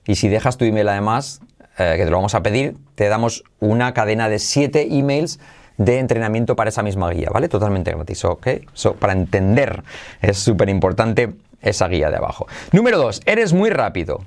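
Man, english teacher, lively repetitive drills, podcast lesson. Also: lowish voice, brisk. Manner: energetic, drills English phrases repeatedly. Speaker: English teacher, channel host.

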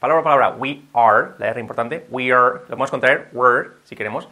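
A man's voice: mid-range voice, brisk, pushed and bright. A man from Spain with a Spanish accent, teaching pronunciation in a video lesson, upbeat and drilling phrases by repetition. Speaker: English teacher.

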